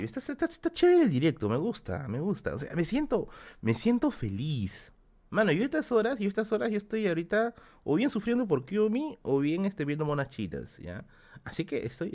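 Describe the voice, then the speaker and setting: On a late-night stream, a young Peruvian-accented man reads donations and viewer comments aloud, poking fun at himself in casual chatter. His voice is fairly high-pitched.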